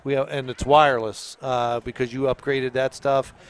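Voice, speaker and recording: A man commenting on a local high school football game, reading off stats in a friendly way. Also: little pitch movement, moderate pace, clear, resonant tone. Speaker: sports commentator.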